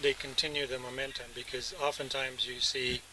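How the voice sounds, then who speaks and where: A man co-commentating on a cricket match, explaining his points in a steady way, heard from a distant mic at an outdoor ground. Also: mid-range voice, fairly quick. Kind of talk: casual live cricket commentary chat. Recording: distant mic with crowd noise.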